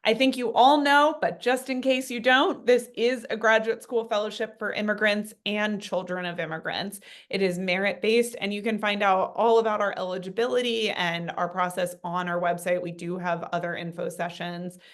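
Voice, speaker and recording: A woman's voice: medium pitch, fairly even intonation, moderate pace, hardly any pauses. A woman on staff hosting a webinar on a video call, moderating and introducing guests in an upbeat, friendly way. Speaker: fellowship staff host.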